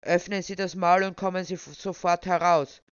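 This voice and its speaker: A stubborn, self-righteous attendant, put on by the storyteller in a shrill falsetto, scolding a trapped man. The recording is dull and lo-fi, with a dry, close sound. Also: normal speed, no room sound, lightly acted. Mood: puzzled, commanding. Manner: speaks in full falsetto, scolding. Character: stubborn indignant male official guarding a whale.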